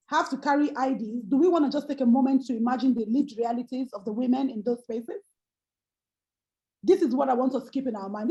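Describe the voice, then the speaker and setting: A woman with a high voice delivers an impassioned panel speech. She builds her point through rhetorical questions and rousing calls to action. The call audio is dull and lo-fi. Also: dark tone. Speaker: panel speaker.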